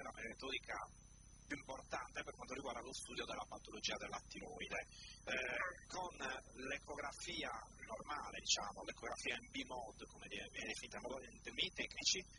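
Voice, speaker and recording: A man speaking as a medical expert, explaining carefully and didactically to a caller, often repeating and rephrasing key phrases. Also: on the high side. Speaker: doctor, studio guest expert. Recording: very noisy broadcast audio.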